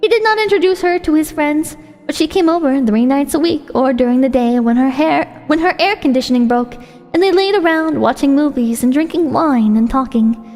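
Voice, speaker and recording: A woman's voice: sits high, moderate pace, a little mellow. A woman reading a short story aloud as its narrator. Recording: long hall reverb with music.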